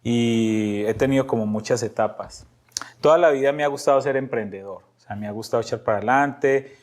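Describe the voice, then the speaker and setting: This Colombian guest, middle-aged and from Medellín with a paisa accent, has a mid-range, slightly mellow voice and talks a little fast. He shares personal anecdotes in a relaxed podcast setting, voicing bits of dialogue along the way.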